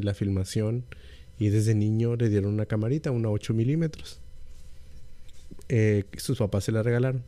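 A man's voice: mid-range voice, mellow. A man co-hosting a casual film podcast, chatty and rambling with frequent restarts. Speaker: podcast co-host.

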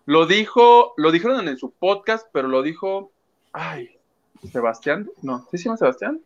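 Mexican guy cohost, highish voice, casual sweary gossip, lo-fi sound. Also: lively intonation, moderate pace. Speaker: co-host. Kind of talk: casual celebrity gossip chat. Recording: dull lo-fi sound.

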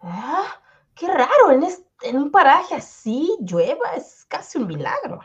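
A woman's voice: high-pitched, sing-song, a little slow. A woman voicing a despairing young boy sidekick in a radio drama, full of plaintive exclamations, on a dull recording. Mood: puzzled.

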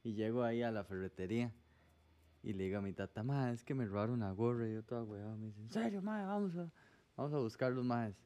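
A man's voice: medium pitch, fast talker, dark tone. A man with a Costa Rican accent telling a short anecdote in a casual podcast chat, slangy and quoting the people in his story.

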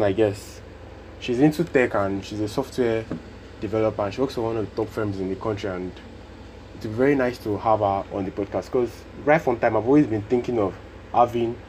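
A man's voice: on the low side, darkish tone, slight background noise, low-quality recording. A Nigerian man hosting a casual solo podcast, speaking earnestly and repeating his points for emphasis. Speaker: podcast host.

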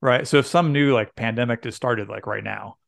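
Chatty pastor with a gravelly voice. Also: male voice, mid-range voice, a little fast, fairly bright tone, no echo, clean studio sound. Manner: chatty, lots of fillers and "like", laughs easily. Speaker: pastor, podcast co-host. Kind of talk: casual chat.

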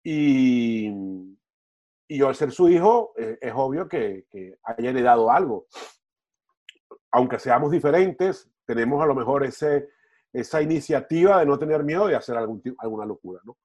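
A man's voice: mid-range voice, lively intonation, moderate pace, darkish tone, highs cut off. A middle-aged man, a football TV panelist talking casually on a podcast, rambling and restarting his words. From Venezuela.

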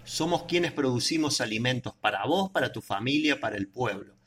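A man with an Argentine accent reading a scripted news report in a steady, measured way. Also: medium pitch, faint music behind. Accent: Argentine Spanish. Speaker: radio reporter.

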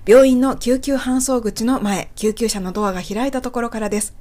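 A woman with a fairly high voice hosts a spoken English lesson. She explains each phrase patiently and carefully, step by step, like a teacher on a radio show. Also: brisk, dark tone.

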